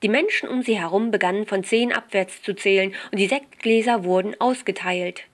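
A woman narrating a short crime story, reading it aloud in a steady storytelling manner. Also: medium pitch, normal speed.

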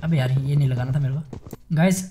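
A young man giving chatty, excitable commentary while playing a game, talking straight to his viewers. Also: mid-range voice, fairly quick, slight background noise. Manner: chatty, excitable, addresses viewers as guys and bhai sahab. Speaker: gaming YouTuber. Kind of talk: casual Minecraft let's play commentary.

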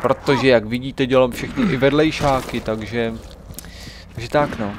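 A young man talks his way through a game session, half muttering to himself and half chatting with his viewers. His voice sits at an ordinary middle pitch, and a faint hiss runs under the recording. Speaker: let's play gamer. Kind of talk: casual gameplay commentary.

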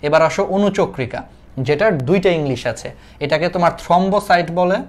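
Young male tutor, Bangladeshi accent, a bit high-pitched, chatty, repeats terms and quizzes students. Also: fairly quick. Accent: Bangladeshi Bengali. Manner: explains terms, repeats them, asks students questions; colloquial dialect forms mixed with English terms. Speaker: teacher. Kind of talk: online class lecture.

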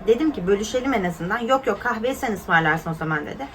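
Fast-talking young woman vlogger. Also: medium pitch, slight background noise. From Turkey. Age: 20s. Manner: lively, exclaiming reactions and asides to viewers. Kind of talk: casual chat reading viewer stories.

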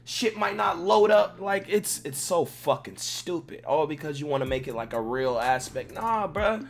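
A young American man with a fairly high, animated voice speaks at a moderate pace while music plays behind him. He creates gaming content, commenting on clips with swearing, slang and a venting attitude.

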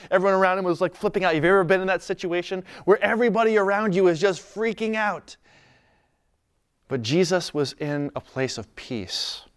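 A man's voice: sits high, smooth. Conversational man preaching a sermon. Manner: earnest, conversational preaching with soft calm lines. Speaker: pastor.

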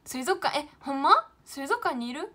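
This late-teen idol livestreamer from Kyoto, Japan, speaks in Kyoto Kansai dialect, chatting casually to herself and her viewers while drawing and calling herself by name. Her high-pitched, sing-song voice is pushed and bright at a normal speed.

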